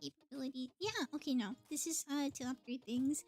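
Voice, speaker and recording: Playing a video game on stream, a woman thinks aloud in short, casual bursts over background music. Her high voice runs slightly quick and has a darkish tone.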